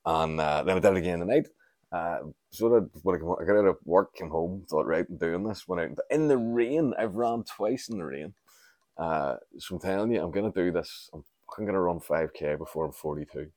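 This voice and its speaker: A man's voice: deep voice, fairly quick, a little mellow, dry recording, clean studio sound. A man, chatting casually and candidly as a podcast host, rambling and swearing freely. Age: 40s. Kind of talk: casual solo chat.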